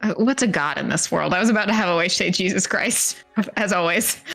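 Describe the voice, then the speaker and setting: A woman's voice: on the low side, fast talker, creaky, fairly bright tone, soft background music. A woman bantering casually as a player in a tabletop role-playing game.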